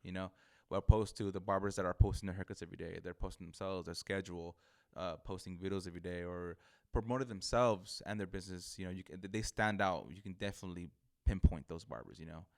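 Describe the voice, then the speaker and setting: A man's voice: deep voice, steady tone, a little mellow. A man with a lisp from missing front teeth, chatting earnestly and casually as an interview guest, often repeating words. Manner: earnest, halting with repeated words, frequent "you know". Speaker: barber, podcast guest.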